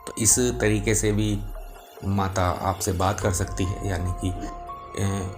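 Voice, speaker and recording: Male spiritual explainer, calm and gentle, level low-key melody, clearly audible music bed behind him. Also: takes it slowly. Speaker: spiritual teacher. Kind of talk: spoken religious explainer to viewers.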